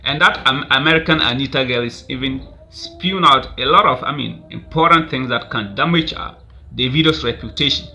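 Celebrity gossip pours out in a casual ramble from a Ghanaian vlogger in his 30s, recorded on a desk webcam in a small room. He laughs a lot and keeps saying "I mean." His medium-pitched voice is pushed and bright, at a slightly fast pace.

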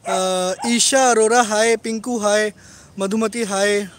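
A man's voice: high voice, fairly even intonation, slow, background noise. A man hosting a casual live stream about his dogs, rattling off greetings to commenters and often adding "right?" tag questions. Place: at home among his dogs.

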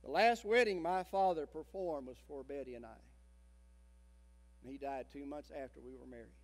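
A man in his sixties, a pastor preaching a sermon, telling a story dramatically and swinging between loud emphasis and hushed tones. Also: on the high side, normal speed. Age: 60s. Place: church sanctuary. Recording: long church reverb.

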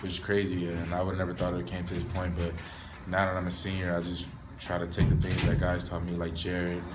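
A young man, a college football player, answering postgame questions in a low-key, candid way from a stadium hallway. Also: heavy background noise. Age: young adult. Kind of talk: postgame press interview. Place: hallway of a stadium in front of a sponsor backdrop. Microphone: reporters' recorders held close.

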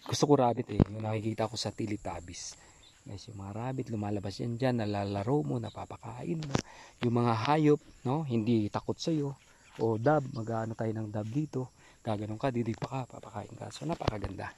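A man's voice: lowish voice, vocal fry, darkish tone, a little hiss or hum. Chatty man outdoors with crickets. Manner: chatty, repeats "no?" and "guys". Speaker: vlogger. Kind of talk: casual walking vlog. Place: outdoors in the countryside.

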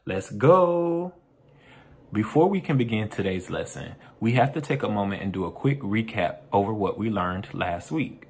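A man's voice: lowish voice, lively intonation, normal speed, few pauses, darkish tone, slightly rough. Man teaching an upbeat youth Bible lesson. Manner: upbeat, addresses kids directly with call-and-response questions. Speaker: youth minister.

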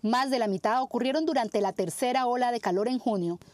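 A woman's voice: a little high, fairly quick, a little mellow. A woman reading a scripted news report as voice-over in a formal tone. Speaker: news narrator.

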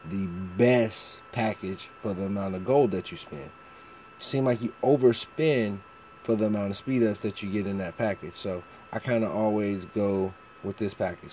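A man casually walks through a mobile game in a video while a fan runs in the background, adding slight noise. He clears his throat often, and his voice is on the low side with a dark tone.

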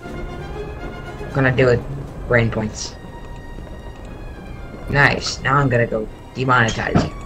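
A man's voice: mid-range voice, steady tone, slow, long pauses, music in the background. A man chatting casually as a co-player, teasing in a playful, clipped way. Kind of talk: casual gameplay chat.

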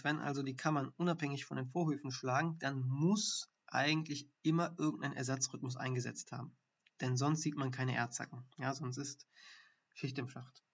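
A man's voice: medium pitch, husky. A man, a doctor, talks through ECG findings in a live-streamed lesson, explaining step by step and thinking aloud with fillers. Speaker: doctor teaching ECG reading. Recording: dull lo-fi stream audio.

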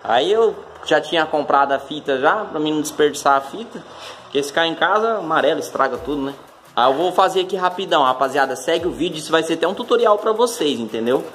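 A man's voice: fairly high pitch, expressive, fast, fairly bright tone, a little hiss or hum. Laid-back Brazilian man hosting a vlog. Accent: Brazilian Portuguese. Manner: laid-back, slangy, keeps addressing the viewers. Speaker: channel host. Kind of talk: casual chat.

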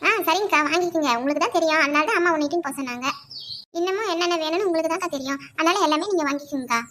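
A woman's voice: extremely high pitch, racing, fairly bright tone, slight background noise. A woman voicing a shy, polite young bride-to-be in a cartoon. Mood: deferential. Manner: polite, deferential. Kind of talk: cartoon voice acting.

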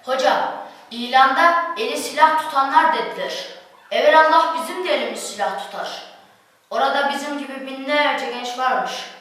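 A woman's voice: sits high, moderate pace, fairly bright tone. A female performer playing a fervent young student volunteer, declaiming in an amateur school play. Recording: echoey hall, distant mic.

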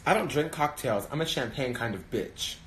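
A man's voice: mid-range voice, animated, normal speed, fairly bright tone. A young man, a sassy drag queen, chatting casually and playfully bantering on a livestream. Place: indoors, backstage hallway, elevator and dressing room. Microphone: handheld or propped phone. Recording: echoey, noisy handheld phone livestream.

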